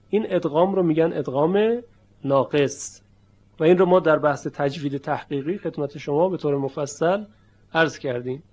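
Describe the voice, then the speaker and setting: A man teaching a tajweed lesson, explaining merging rules patiently and demonstrating each sound slowly and emphatically. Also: a little high, a little mellow. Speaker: Quran recitation teacher.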